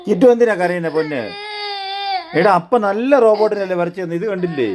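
A man's voice: high-pitched, brisk, crowd noise. A father in a casual family video, coaxing and half-laughing, sometimes exasperated, as he talks to his child.

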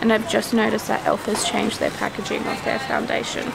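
Filmed on a handheld camera held at arm's length, a young adult Australian vlogger chats casually and gushes enthusiastically while shopping in a crowded department store. Her slightly high, creaky voice sounds flat and a little fast, and the audio is poor.

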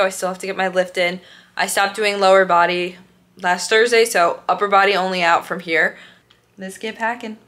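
A woman's voice: mid-range voice, bright, forceful tone, a little hiss or hum. A young woman chatting casually as a fitness vlogger, talking to a handheld camera on a stick in a bubbly, chatty way. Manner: bubbly, chatty, says "super" and "literally" a lot. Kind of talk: casual vlog.

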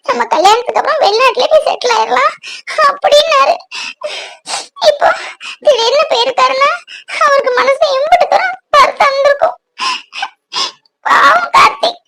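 A woman's voice: very high-pitched, vocal fry. A woman voicing a heartbroken young bride in a cartoon, wailing and sobbing as she talks. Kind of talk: cartoon voice acting.

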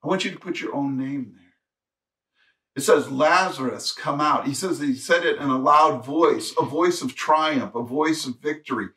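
A man's voice: a little high, normal speed, bright, forceful tone, far from the mic. Earnest male pastor preaching from afar. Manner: earnest preaching, reads scripture aloud, rises to emphatic peaks. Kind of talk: sermon.

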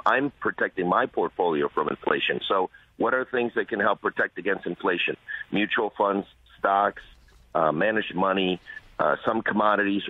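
A man joins a radio interview as a guest author. He talks quickly and hammers his points home through repetition. His voice is a little husky, and it comes through a thin, phone-like line. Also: on the low side, no room sound. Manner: emphatic, repetitive, persuasive.

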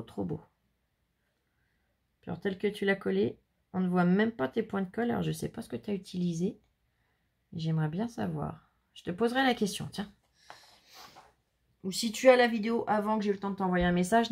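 Woman, gravelly voice, casual vlog chat, gushing and admiring, indoors at a craft table. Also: mid-range voice, a little mellow. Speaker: scrapbooking vlogger.

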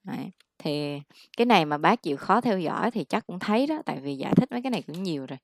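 A woman, tutoring English casually, explaining slowly and repeating words for practice. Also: fairly low pitch, lively intonation, dry recording. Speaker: English teacher.

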